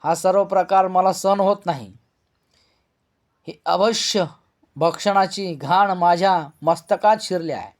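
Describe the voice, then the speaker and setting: A man's voice: high voice, a little slow, pauses often. A man reading a novel aloud, voicing a fussy, timid male village clerk who complains.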